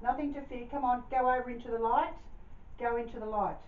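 A woman's voice: on the high side, steady tone, fairly quick. A woman, a medium leading a spirit rescue, talking in a soothing, coaxing way and repeating herself. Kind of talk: live commentary during a house clearing. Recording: echoey room, far from a dull mic, faint hiss.

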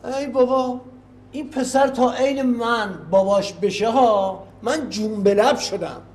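A man's voice: very high-pitched, a little mellow. A grumpy, impatient old father. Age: older. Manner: impatient, exasperated scolding. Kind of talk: sitcom acting.

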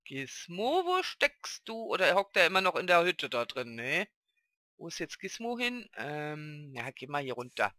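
A man's voice: a little high, wildly swooping pitch, a little slow, sharp tone, dry recording, clean studio sound. A man hosting a casual Let's Play, chatting and talking fondly to the characters on screen. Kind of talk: casual gameplay commentary.

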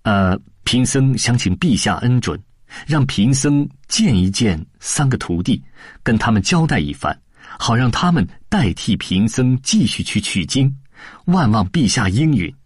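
A man's voice: mid-range voice, big pitch swings, measured pace, breathy edge, no echo, clean studio sound. Man doing a timid pleading monk. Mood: deferential. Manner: pleading, flustered. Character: timid pious monk, male. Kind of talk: storybook audiobook voice acting.

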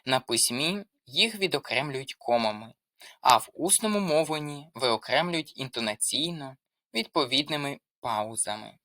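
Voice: mid-range voice, expressive, normal speed, sharp tone, no room sound, studio quality. A language tutor giving an explanatory lesson, methodically reading out lists of examples.

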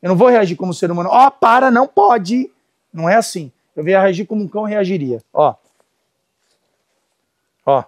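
Speaking a little fast and pausing often, this high-voiced middle-aged man has a Brazilian Portuguese accent. As a Brazilian dog trainer in a relaxed lesson, he spins animated stories and calls out commands to dogs and helpers.

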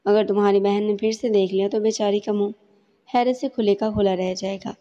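A teasing, coy young maid, read out by a woman storyteller. The voice is warm and mellow, and the dull, lo-fi recording carries a long reverb tail. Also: medium pitch, flat delivery, lightly acted.

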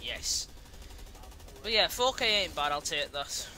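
A young man chatting over voice chat while gaming, excitable, often shouting and laughing. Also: a little high, takes it slowly. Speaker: gamer. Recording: crowd chatter behind.

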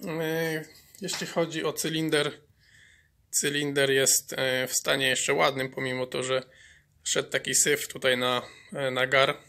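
A man's voice: mid-range voice, little pitch movement, measured pace, pushed and bright. A man restoring an old chainsaw on his workshop bench, explaining each fault as he goes, with many fillers and repeated words. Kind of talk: workshop repair commentary.

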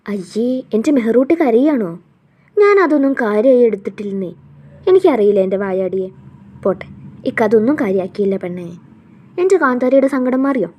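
A woman's voice: a little high, animated, brisk, mellow. A woman voicing a teasing, affectionate young husband in a storybook reading, with playful scolding. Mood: tender.

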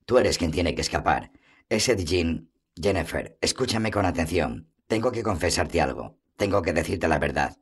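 A man's voice: deep voice, expressive, normal speed. A man reading a fantasy audiobook, voicing a stern, weary male monster hunter who speaks urgently and insistently.

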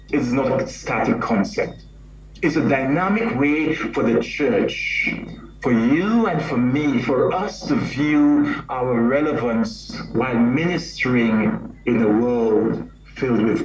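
A middle-aged clergyman from Lucia, giving a sermon-like memorial lecture in a measured, rhetorical way with lists and repetition. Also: mid-range voice, darkish tone. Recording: echoey hall, distant muffled mic, faint hum.

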